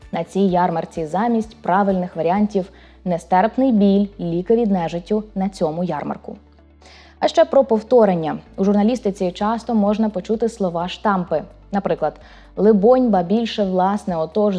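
Woman host, scripted narration, warm mellow tone, soft music underneath. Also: mid-range voice. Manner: clear, deliberate delivery of word examples. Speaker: program host.

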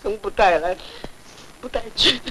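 An actor playing a coarse-spoken, defiant street vendor who talks indignantly, in 1940s film acting. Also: male voice, sits high, moderate pace, sharp tone. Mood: scolding. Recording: hissy noisy old film soundtrack.

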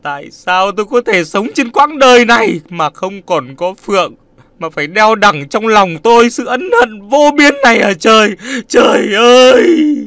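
A man's voice: very high-pitched, expressive, fairly quick, bright, forceful tone, voice pushed up, full character voice. A male narrator voicing a grief-stricken young man who cries out in despair. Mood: wailing. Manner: crying out in despair.

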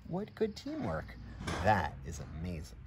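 Reading a storybook to kids outside in a grassy farmyard next to a barn, this middle-aged man keeps his voice low and his pace measured. His delivery is expressive and encouraging, with friendly remarks aimed at the children and at an animal. The background is noisy, though the outdoor ambience is clear.

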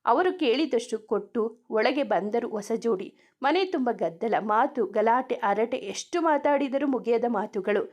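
A woman's voice: on the high side, animated, a little slow. A woman reading a romance story aloud, narrating and speaking every character in the same voice.

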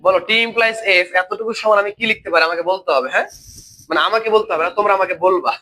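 A man's voice: sits high, very fast, pushed and bright, a little hiss or hum, low-quality recording. A man with a Bangladeshi Bengali accent and a cold, teaching a logic class online, patient and repetitive, quizzing his students as he works. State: has a cold. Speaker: logic tutor. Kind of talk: live online class explanation.

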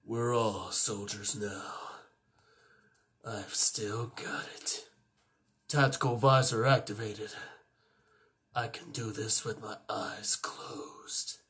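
A man voicing a gruff veteran male soldier from a video game in a lowered, clipped voice. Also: fairly even intonation, takes it slowly, pauses often, a bit bright.

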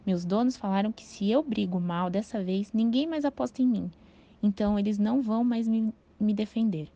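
A woman voicing a nervous, stammering male fighting rooster in a storybook reading, louder and tense. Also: mid-range voice, animated, brisk. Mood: frantic. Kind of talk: audiobook character voice. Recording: dull, dry lo-fi recording.

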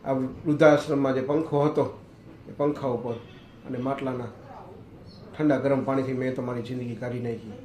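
A dying old father who speaks earnestly and tenderly, as a male storyteller puts him on. He pleads with his son at an ordinary pitch. The recording has an echoey, roomy sound. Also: fairly even intonation, moderate pace, long pauses, mellow, a little hiss or hum, natural voice. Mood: pleading.

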